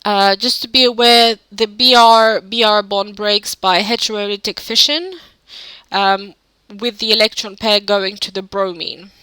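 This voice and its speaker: A woman's voice: mid-range voice, a little slow, pushed and bright, smooth, dry recording, rough recording. A woman narrating a chemistry lesson over slides, hesitant, with many "um" fillers and self-corrections. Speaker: chemistry tutor.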